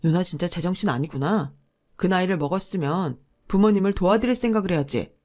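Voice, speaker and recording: A woman's voice: fairly low pitch, brisk, darkish tone, close to an everyday voice. A woman voicing a frustrated married man arguing with his older sister. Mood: exasperated. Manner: frustrated and pleading. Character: exasperated younger brother, a married man.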